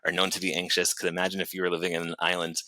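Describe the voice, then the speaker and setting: A man's voice: sits low, completely flat delivery, very fast, bright, forceful tone, rough recording. An American man talking as a podcast guest in a casual, rambling way, full of filler words and small laughs. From United States. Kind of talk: casual conversation.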